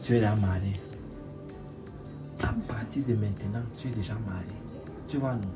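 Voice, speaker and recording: An actor with a Cameroonian French accent playing a smooth-talking older man courting a young girl, with a wheedling, coaxing manner. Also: on the low side, moderate pace, over music, lightly acted.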